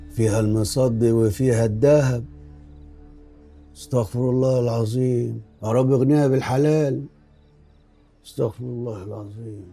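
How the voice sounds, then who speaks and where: This actor's mid-range voice is warm and only lightly acted, with an Egyptian accent. He portrays a pious-talking but scheming middle-aged man who menaces his ex-lover in a film drama, sounding sanctimonious and stuffing his speech with religious phrases.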